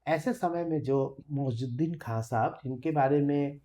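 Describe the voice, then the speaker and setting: A woman who is a classical singer, explaining thumri in a thoughtful, measured way with frequent hesitant fillers. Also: very deep voice, dark tone. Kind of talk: explanatory talk with sung examples.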